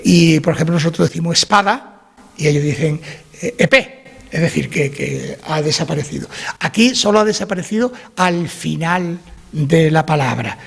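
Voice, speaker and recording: Gravelly high-voiced Andalusian man lecturing. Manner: digressive, tags remarks with "¿eh?". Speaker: speaker at a book presentation. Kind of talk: explanatory public talk on language.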